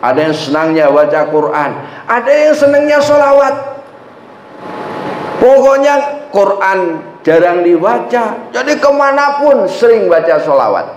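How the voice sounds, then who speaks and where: Male mosque preacher, lively storytelling sermon, roomy echo, dull lo-fi sound with faint noise. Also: sits high, measured pace. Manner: lively storytelling, asks the congregation. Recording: echoey, dull lo-fi mosque recording.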